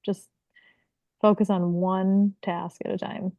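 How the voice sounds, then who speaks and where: A woman's voice: mid-range voice, little pitch movement, takes it slowly, no echo. A woman guest on a podcast, talking candidly and reflectively about hard choices. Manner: candid, reflective, gently self-encouraging. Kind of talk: casual podcast chat. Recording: tinny phone-line audio.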